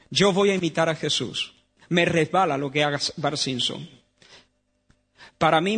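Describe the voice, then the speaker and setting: A man from Spain with a Spanish accent, preaching a sermon in a church, swinging between loud emphatic lines and hushed tones. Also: on the high side, breathy edge.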